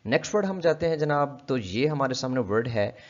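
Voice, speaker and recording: A man giving a casual pronunciation lesson, repeating each word slowly and addressing viewers politely. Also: mid-range voice, animated. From Pakistan. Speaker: English pronunciation teacher. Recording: dull lo-fi audio.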